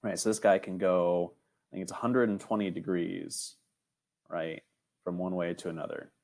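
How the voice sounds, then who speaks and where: A young man with a deep, low-pitched voice leads an online robotics lesson. He talks casually, with plenty of "um"s, and keeps checking in with his students by asking "right?". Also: steady tone, moderate pace, vocal fry, darkish tone. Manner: casual, filler-heavy, frequent "right?" checks. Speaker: teacher.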